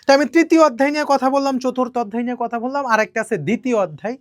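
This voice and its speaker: Woman chemistry tutor, Bangladeshi Bengali accent, fairly high voice, dry recording, repetitive, keeps checking in with students. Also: no echo. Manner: speaks slowly and deliberately. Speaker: chemistry teacher. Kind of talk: online exam-prep lesson.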